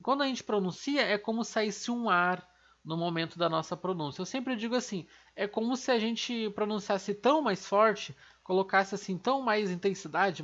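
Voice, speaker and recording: A woman's voice: medium pitch, fairly bright tone, muffled recording. A woman teaching an online language lesson, explaining step by step and asking and answering her own questions.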